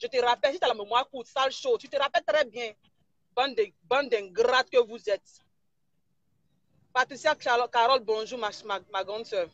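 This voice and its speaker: A woman's voice: on the high side, moderate pace, a bit bright, dry recording, highs cut off. A woman blogger, ranting mockingly and insulting someone during a live stream. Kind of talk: live-stream gossip rant.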